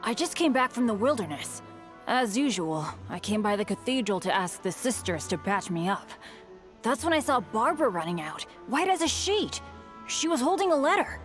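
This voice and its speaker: Game adventurer boy: lively, bright-pitched, earnest, music behind. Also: normal speed. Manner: earnest, eager. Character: eager young male adventurer, unlucky and earnest. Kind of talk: game cutscene voice acting.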